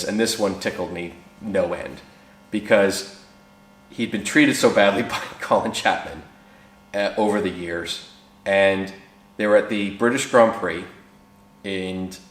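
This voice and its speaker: A man casually telling old racing anecdotes, animated and acting out the people he quotes, with relaxed fillers. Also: lowish voice, reverberant. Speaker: former racing team mechanic telling stories. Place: workshop.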